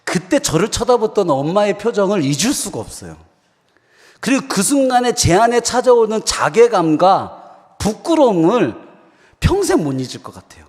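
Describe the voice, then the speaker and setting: Male pastor, sermon storyteller, high, expressive delivery, long church reverb. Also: normal speed. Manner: animated storytelling, addresses congregation. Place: church sanctuary.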